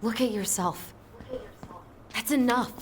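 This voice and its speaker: A woman's voice: on the high side, slow pace, slight background noise. An actress playing a blunt, frustrated young American woman in a dramatic video game. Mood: angry, exasperated. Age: young adult. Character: blunt, frustrated young woman confronting an older family friend.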